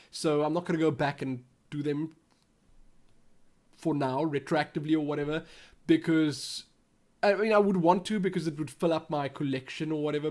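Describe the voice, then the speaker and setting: Rambling and thinking out loud, this YouTube gaming host runs a relaxed Q&A vlog. He is a young man from South Africa with a Western Cape accent, and his fairly high voice carries a darkish quality.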